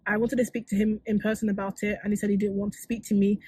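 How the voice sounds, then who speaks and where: A woman's voice: medium pitch, little pitch movement, fast talker, warm tone, husky, dry recording. A woman co-hosting a casual chat, speaking frankly, full of "like" and "mm-hmm", sometimes reading out listener questions. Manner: frank, frequent "like" and "mm-hmm" backchannels. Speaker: co-host.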